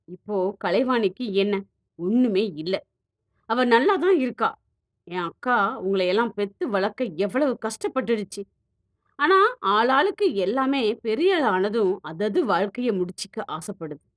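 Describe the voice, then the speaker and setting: A woman's voice: medium pitch, very animated, unhurried. A woman playing a fretful, pleading aunt. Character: anxious middle-aged aunt, fretful and protective.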